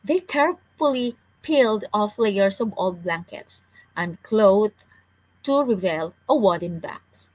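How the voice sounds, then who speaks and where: Reading a children's story as a storyteller, a woman speaks slowly and expressively at a medium pitch, taking care but occasionally tripping over words. The low-quality recording has no echo.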